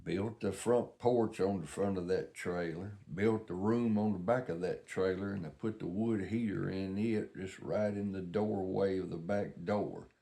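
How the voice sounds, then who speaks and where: A man's voice: sits low, unhurried, vocal fry, hardly any pauses, warm tone. An older man with a Southern US accent, telling rambling stories in a casual, folksy, plain-spoken way. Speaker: vlogger.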